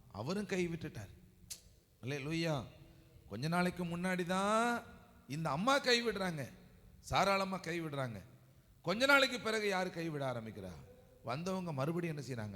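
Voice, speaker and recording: Tamil nadu pastor preaching, kinda high voice, loud then quiet, long echo in the hall, faint music under it. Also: male voice. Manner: call-and-response, urging the congregation to repeat lines; swings between loud exhortation and low intimate speech. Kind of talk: sermon. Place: church hall. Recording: reverberant hall with music behind.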